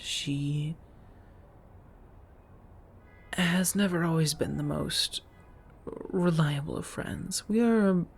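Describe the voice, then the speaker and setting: A woman plays a centuries-old female vampire in an intimate ASMR roleplay, her voice low and soft. Hesitant and guarded yet gentle and affectionate, she uses measured, formal wording with endearments and makes halting confessions, over noticeable recording noise.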